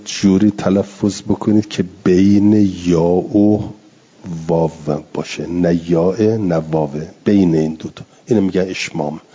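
Deep husky man teaching recitation. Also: dark tone. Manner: explains slowly, drawing out Arabic words to demonstrate pronunciation. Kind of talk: classroom lecture on Quran readings. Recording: dull lo-fi recording.

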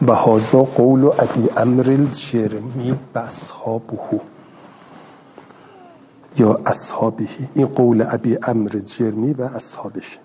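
A middle-aged man teaching a grammar class, reading a line of text and then explaining it slowly and patiently. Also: mid-range voice, fairly even intonation, warm tone, slight background noise. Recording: dull lo-fi audio in a hall.

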